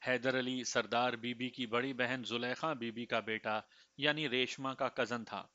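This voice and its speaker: A man reading a crime story aloud in steady first-person narration, giving each character a voice. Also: medium pitch, no echo. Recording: dry, slightly dull recording.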